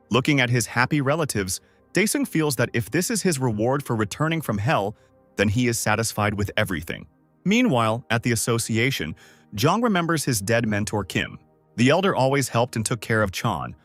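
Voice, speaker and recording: Lively-pitched man narrating a story. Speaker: recap narrator. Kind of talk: scripted narration.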